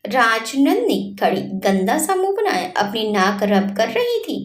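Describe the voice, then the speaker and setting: A woman narrating a romantic story in an expressive, dramatic way. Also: fairly high pitch, a little slow. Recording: echoey room.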